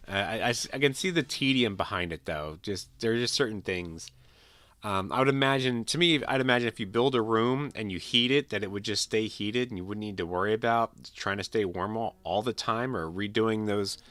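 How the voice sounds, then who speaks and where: A man's voice: on the low side, fairly quick, fairly bright tone, dry recording. A man with a sick, nasal voice, chatting casually with viewers as he wraps up a game stream, rambling and repeating himself. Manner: rambling, repeats words and restarts sentences. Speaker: livestreamer. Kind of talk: casual stream chat while gaming.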